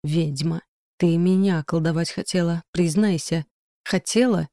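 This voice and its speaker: Hoarse creepy guy muttering threats, read by a woman, warm low tone, dry sound. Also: measured pace, dry recording. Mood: hateful. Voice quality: muffled, hoarse. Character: unhinged male stalker, menacing and obsessed.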